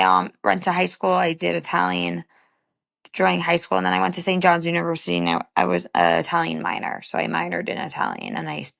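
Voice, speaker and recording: Here a young adult woman with a New York accent, originally from the Bronx, chats loosely as an interview guest, leaning on "like" as filler. Her pitch is fairly low and her voice gravelly, with a fairly bright tone.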